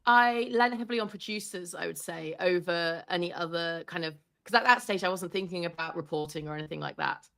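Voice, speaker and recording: A woman sports reporter chatting as an interview guest, telling animated stories and laughing often. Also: on the low side, brisk, gravelly, few pauses. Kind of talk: casual interview chat.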